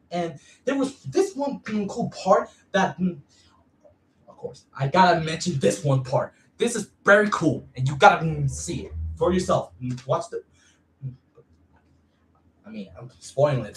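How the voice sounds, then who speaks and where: A woman rambles through a casual movie review, stopping to hum between nearly every phrase. Her pitch leaps up and down in lively swings. She sounds a little away from the mic in a roomy, echoing space. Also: far from the mic. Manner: hesitant, full of hums and fillers; excitable, insists she is serious. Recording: echoey room, voice away from the mic.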